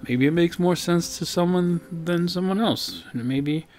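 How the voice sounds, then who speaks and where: Over background guitar, a digital painter who hosts videos talks about his artwork in an unhurried, slightly high, somewhat mellow voice. The voice-over is casual and meandering, packed with fillers, false starts, and jokes at his own expense.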